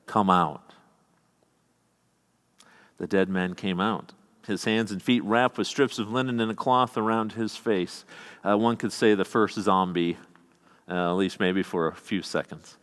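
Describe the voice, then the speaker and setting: A man with a Midwestern American accent preaching a sermon as pastor, reading scripture aloud and adding folksy asides. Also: mid-range voice. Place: church sanctuary. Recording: long church reverb.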